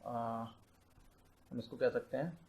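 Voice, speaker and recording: A young man, a tutor, teaching computer science step by step, mixing English terms into his talk and slowing down to dictate definitions. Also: mid-range voice, vocal fry, mellow, rough recording. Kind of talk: explaining a lecture.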